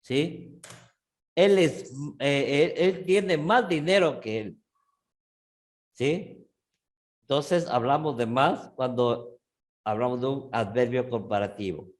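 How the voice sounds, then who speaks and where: A man's voice: mid-range voice, slow, pauses often. A male teacher explaining grammar in a class, patiently checking in with listeners and often correcting himself mid-sentence. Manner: restarts and self-corrects often. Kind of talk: online language class.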